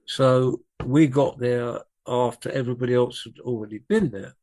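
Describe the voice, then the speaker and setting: A man's voice: medium pitch, fairly even intonation, normal speed, a little mellow. An older man, a drummer, telling rambling anecdotes as a guest in a conversation. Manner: rambling, self-correcting anecdotes. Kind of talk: relaxed storytelling in conversation.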